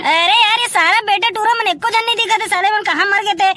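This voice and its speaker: A woman's voice: very high-pitched, steady tone, a little fast, music in the background. A woman trading rowdy, scolding banter in a comic skit. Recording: noisy recording.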